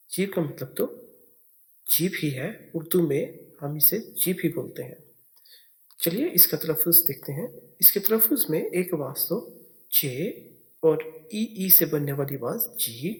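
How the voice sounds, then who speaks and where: A man's voice: fairly high pitch, darkish tone. A man teaching English spelling and pronunciation, spelling words out letter by letter. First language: Urdu.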